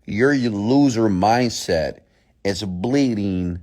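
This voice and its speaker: A man's voice: fairly low pitch, takes it slowly, darkish tone. A man giving a motivational mindset talk in a blunt, scolding, emphatic way, repeating phrases and posing rhetorical questions. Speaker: motivational speaker and host.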